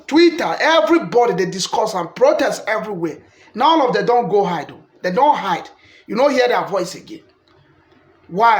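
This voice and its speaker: High-voiced Nigerian man preaching politics. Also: roomy sound. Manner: preachy, quotes scripture, repetitive. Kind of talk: impassioned political monologue.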